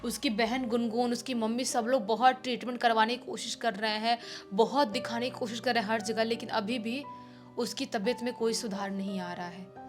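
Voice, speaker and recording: A woman with a high, light voice narrates a spooky village tale in a relaxed, chatty way. She grows dramatic as the story tightens. Soft music plays faintly under her voice. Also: moderate pace. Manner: dramatic, rising in pitch and volume on emotional quotes. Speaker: horror storyteller. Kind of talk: casual spoken storytelling.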